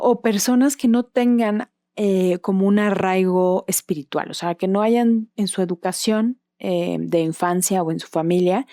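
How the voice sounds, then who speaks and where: Woman, Mexican accent, podcast host, casual explanatory monologue, questioning tags, mellow tone, dry sound. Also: mid-range voice, no room sound. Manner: explanatory, often ending points with questioning tags.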